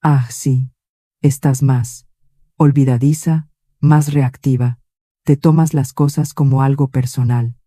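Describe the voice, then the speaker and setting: A woman's voice: a bass voice, fairly even intonation, slow pace, dark tone, no room sound, studio quality, full character voice. A woman reading the lines of a smug, pushy son-in-law in an audio story, casual and overbearing.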